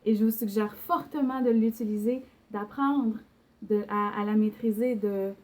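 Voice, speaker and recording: In a mid-range voice that is steady and darkish, a young woman with a Québécois French accent teaches singing online at a normal speed. She explains patiently, using fillers and short sung examples along the way.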